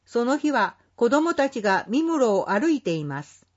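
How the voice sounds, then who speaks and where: A woman reading a scripted community announcement in a polite, measured, formal way. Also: on the high side, very animated, a little mellow, lo-fi sound. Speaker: care facility staff announcer.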